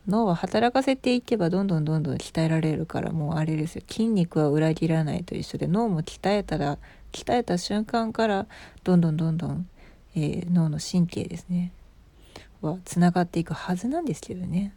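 A woman's voice: fairly low pitch, a little fast, warm tone, no echo. A woman in her thirties with an Osaka accent, hosting a casual live stream, chatting about listeners' comments and laughing often. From Osaka, Japan. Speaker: livestream host.

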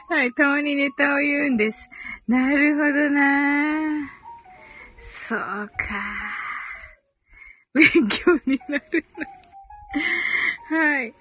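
Her voice sits high with a fairly bright tone as she hosts a relaxed live audio chat. Giggly in her replies to listener comments, she repeatedly offers short agreeing phrases.

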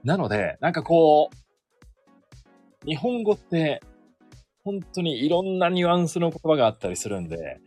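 A man's voice: a little high, very animated, moderate pace, long pauses, darkish tone, no echo, faint music behind. A sports announcer in his thirties hosting a solo podcast, chatting casually and self-deprecatingly about his work. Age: 30s. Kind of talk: casual solo radio-style chat.

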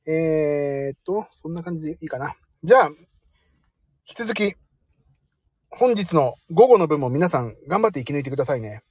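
Chatty self-mocking man, slightly husky. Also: a little high, lively intonation, normal speed, darkish tone, no room sound. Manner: self-deprecating, chatty, reads out listener comments. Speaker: livestream host. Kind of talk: casual live-stream chat. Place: parked car.

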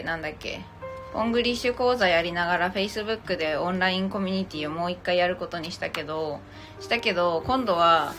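A medium-pitched, slightly bright female voice belongs to the host of a casual tarot livestream. Reading cards, she trades playful remarks with commenters, alternating polite and teasingly casual speech while music plays behind her.

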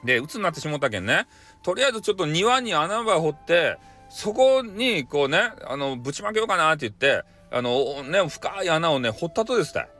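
A man's voice: fairly high pitch, sing-song, fairly quick, bright, forceful tone, faint music behind. A man with a Hakata accent casually retelling a folk tale for bedtime, playful and rambling. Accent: Hakata dialect. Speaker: storyteller.

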